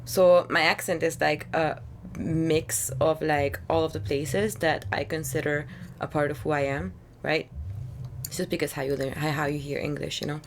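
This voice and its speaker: A young woman from Hungary, a singer-songwriter guest talking casually in an interview, chatty and relaxed, full of "you know" fillers. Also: low voice, moderate pace, a little hiss or hum.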